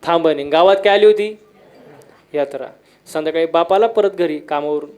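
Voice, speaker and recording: A man's voice: fairly high pitch, fairly quick, darkish tone. A man giving a humorous devotional kirtan sermon, telling stories with repeated refrains and quizzing the crowd for answers. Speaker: kirtan preacher.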